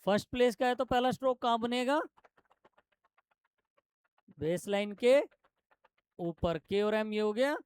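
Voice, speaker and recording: Guy teaching shorthand in a classroom, clear smooth voice, keeps firing questions at the students. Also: very high-pitched, no echo. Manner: explains step by step, quizzing students with quick questions. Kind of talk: classroom lesson.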